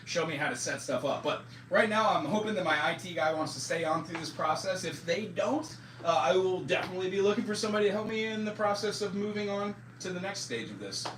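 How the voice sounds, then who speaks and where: With a high, expressive, fairly bright voice, a man in his forties chats fast on a live stream as a music teacher, loose and self-mocking with lots of fillers. He's captured on a distant mic in an echoey room, with music underneath and slight background noise.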